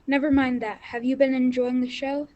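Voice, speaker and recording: Female actor as brisk, bossy comic narrator-host, fairly high, dry recording. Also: flat delivery, dark tone, dry recording, lo-fi sound, lightly acted.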